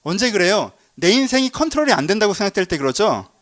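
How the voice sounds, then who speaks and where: Lively, fast-talking pastor preaching. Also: male voice, high voice. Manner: conversational, asks the congregation questions, jokes. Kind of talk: sermon. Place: church.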